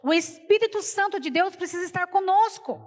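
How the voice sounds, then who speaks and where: A woman's voice: extremely high pitch, animated, fairly quick, long reverb tail. A woman preacher giving an emotional personal testimony in a sermon, retelling the story with many repeated quotes, speaking Brazilian Portuguese. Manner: storytelling, repeats "falei assim".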